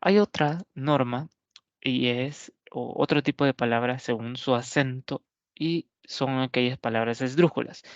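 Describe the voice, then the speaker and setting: Man teaching with slow repeated examples. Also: mid-range voice, no room sound. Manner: asks rhetorical questions and answers them; repeats example words slowly. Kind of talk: explanatory grammar lesson. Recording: dull lo-fi dry recording.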